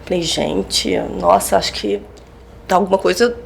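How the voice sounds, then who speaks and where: A woman's voice: on the low side, steady tone, moderate pace, gravelly, slight background noise. A woman in her forties, a psychologist and lecturer, candidly telling a personal story in a casual podcast chat and acting out the dialogue.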